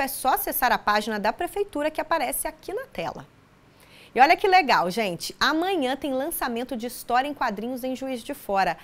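A young woman anchors a local news bulletin, reading her script in a bright, upbeat manner. Her voice sits fairly high, and it is picked up cleanly by a lapel mic in a studio. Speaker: news presenter. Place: studio with city backdrop.

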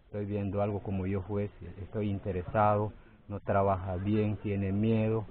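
Halting low-voiced man, tinny phone sound. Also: level tone. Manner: halting, repeats words, grows forceful when protesting. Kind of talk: outdoor field interview. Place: outdoors by a forest clearing. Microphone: phone held near the face.

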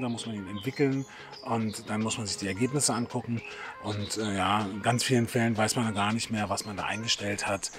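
Middle-aged man from Berlin, casual host, chatty with frequent pauses, mid-range voice, faint music bed. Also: medium pitch. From Berlin, Germany. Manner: chatty, hesitant, many fillers. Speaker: photography channel host. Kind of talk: casual talk to camera.

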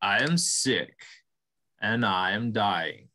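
Great buffalo read by a man, grave and kind, unhurried, lowish voice. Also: animated, close to an everyday voice. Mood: solemn. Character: great dying male buffalo, solemn and kind.

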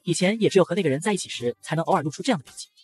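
A man narrating an audio comic in a brisk storytelling manner. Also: fairly high pitch, expressive, a little mellow.

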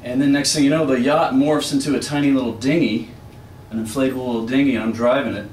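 Man, deadpan rambling monologue, wry asides, live room recording, distant mic, echoey. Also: medium pitch, fast talker, slight background noise. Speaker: experimental music performer. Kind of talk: rambling spoken monologue between improvised music. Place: small apartment used as a live music venue.

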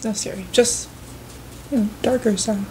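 A woman chatting casually over a meal, easygoing and quick to ask short follow-up questions. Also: a little high, fairly even intonation, dark tone, a little hiss or hum, low-quality recording.

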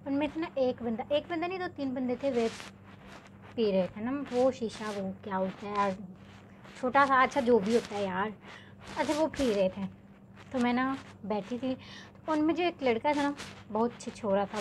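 A young woman from Pakistan, telling a story to her vlog viewers in a chatty, animated way, full of filler words. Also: fairly high pitch, normal speed, slight background noise. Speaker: vlogger.

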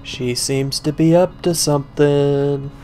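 A man's voice: a little high, steady tone, takes it slowly, a little mellow. A young man giving casual gameplay commentary in a sarcastic, profane, muttering way, close to a desk mic. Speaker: let's play gamer. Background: faint game music.

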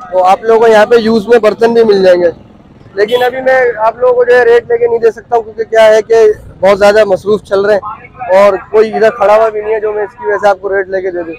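A man in his thirties vlogs his way through a busy outdoor street market, chatting casually with viewers, asking about prices and repeating them back. His voice is high with a darkish tone, and the recording quality is low.

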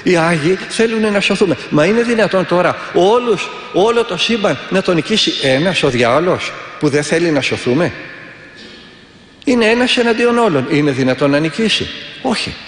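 A man's voice: high voice, lively intonation, fairly bright tone. A man, an Orthodox monk, giving a sermon and telling stories with earnest, vivid delivery and repeated prayers. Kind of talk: sermon with storytelling. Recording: echoey, reverberant hall.

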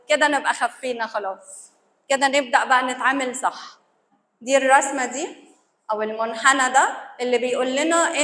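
A woman's voice: high-pitched, fairly bright tone. A woman with an Egyptian accent giving a conversational lecture to church servants, acting out the reactions of the people she describes. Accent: Egyptian Arabic. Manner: conversational, acts out quoted reactions. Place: church hall. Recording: echoey hall.

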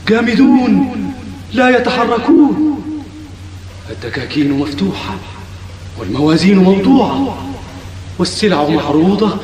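A scared stranger lost in a stone city, high lively voice, old radio play, echoey and far off mic. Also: male voice. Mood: uneasy wonder. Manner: fearful, breathless monologue, cries out and calls aloud. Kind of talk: vintage Arabic radio drama acting. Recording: roomy echo, distant mic, crowd noise behind.

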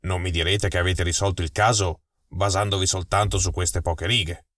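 A man voicing an agitated, irritable police inspector in an audiobook mystery, exclaiming in a lowered voice. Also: steady tone, moderate pace, fairly bright tone, dry recording, clean studio sound. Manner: flustered, exclaiming. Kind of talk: audiobook dialogue.

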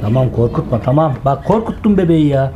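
A pet owner gently coaxing and scolding cats in singsong baby talk. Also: mid-range voice, expressive, fast, lo-fi sound, noisy background.

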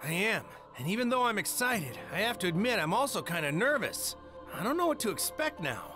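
A man's voice: sits high, sing-song, brisk. A man voicing a cheerful, bold martial-arts hero in a video game, earnest and plain-spoken. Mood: eager. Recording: game music behind the voice.

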